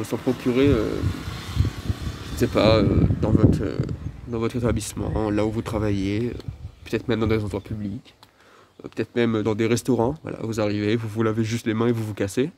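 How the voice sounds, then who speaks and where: Halting man vlogging outdoors over loud traffic noise. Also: lowish voice, little pitch movement. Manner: halting, hesitant, wry grumbling with mild swearing. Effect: speaking through a face mask. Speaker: video creator talking to followers. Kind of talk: casual rambling solo vlog. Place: outdoors by a roadside bus stop.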